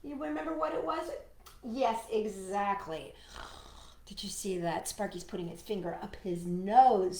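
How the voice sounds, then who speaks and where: A woman with a medium-pitched, creaky, slightly mellow voice is heard in a roomy space. She hosts a storytime for young children with a puppet sidekick, reading and singing playfully while talking straight to her listeners.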